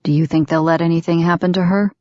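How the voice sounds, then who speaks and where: A rough-voiced, dominant grown man in an audiobook, clipped and commanding, as a woman reader puts him on. The voice sits low, and the recording is dull and lo-fi with a dry, close sound. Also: steady tone, fast, darkish tone, dry recording, lightly acted. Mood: gentle. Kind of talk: audiobook character voice.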